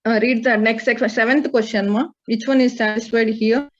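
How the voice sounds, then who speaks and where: High-voiced Indian woman teaching maths, dull audio. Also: fairly even intonation, moderate pace. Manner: repeatedly questioning and prompting students by name. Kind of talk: online class lesson, working through problems.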